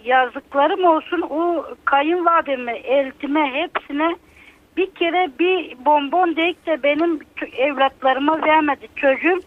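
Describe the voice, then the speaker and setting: A woman's voice: sits high, measured pace. Older woman aggrieved caller over a landline phone. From Bulgaria. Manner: bitter, aggrieved, emotional complaining. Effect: heard over a landline phone. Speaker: radio call-in listener. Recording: narrow tinny phone line.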